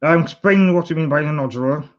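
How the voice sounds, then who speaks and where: A man hosting a casual video call, easygoing and agreeable, chipping in with quick yeahs. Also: a little high, highs cut off. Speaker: host.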